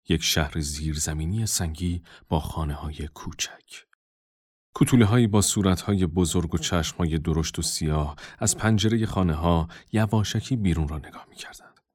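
A man narrating a storybook in a calm, measured reading. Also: deep voice, dry recording, studio quality.

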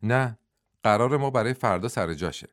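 A man voicing a friendly male army captain in an audiobook, speaking briskly and familiarly. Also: medium pitch, expressive, no room sound, clean studio sound, close to an everyday voice. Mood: urgent. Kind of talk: audiobook dialogue.

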